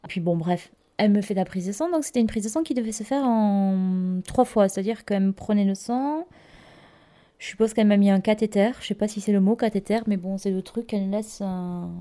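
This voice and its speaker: Woman storyteller, relaxed and chatty, peppering a comic anecdote with fillers and repeated words. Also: medium pitch. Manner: casual storytelling with frequent fillers and repeated catchwords.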